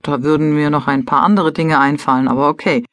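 A woman's voice: sits low, steady tone, fairly quick, no echo, lightly acted. A woman voicing a middle-aged husband with a dry, matter-of-fact manner, reading an audiobook.

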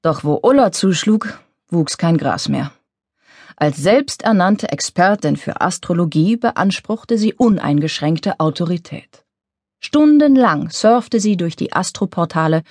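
Low-voiced woman narrating an audiobook. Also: lively intonation, measured pace, darkish tone, no room sound, clean studio sound.

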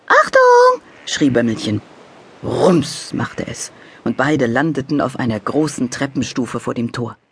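A woman narrating a children's audiobook in a lively storytelling manner. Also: rumbling low, husky. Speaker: narrator and author.

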